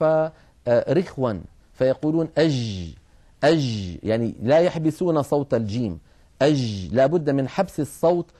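Mellow-voiced man teaching letter sounds. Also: a little high. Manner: methodical, demonstrates letter sounds aloud. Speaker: Quran recitation teacher. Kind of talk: recorded lesson with slides.

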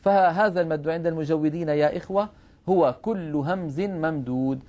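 A man explains recitation rules in a steady, measured teaching voice. His voice sits a little high for a man, and he slowly stretches out example sounds as he demonstrates them. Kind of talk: televised religious lesson.

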